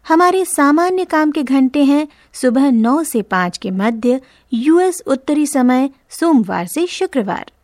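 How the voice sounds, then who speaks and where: A woman records scripted announcements for an automated phone menu. Her voice sits fairly high and she speaks very slowly, enunciating each phrase formally. The sound is dry and close, with no room reflections. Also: a little mellow, no echo. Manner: formal, measured, carefully enunciated. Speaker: telephone system voice prompt artist.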